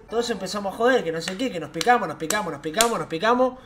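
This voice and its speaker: A young man with an Argentine accent telling a night-out anecdote in casual, slangy, animated chat. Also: high-pitched, racing, noisy background. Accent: Argentine Rioplatense Spanish. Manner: animated, slangy, laughs as he tells it. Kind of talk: casual storytelling.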